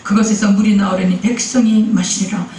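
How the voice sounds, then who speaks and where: A male pastor quoting God within his sermon, slow and measured. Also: high-pitched, little pitch movement, darkish tone, lightly acted. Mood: solemn. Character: God speaking, solemn, stately, unhurried male. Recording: echoey church hall, mic at a distance.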